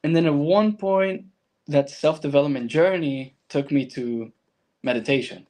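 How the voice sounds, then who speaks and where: A man from Argentina, a native Spanish speaker with a Latin American accent, appears as a guest and reflectively shares his personal story in conversation. His voice sits a little high, a touch slow and somewhat mellow.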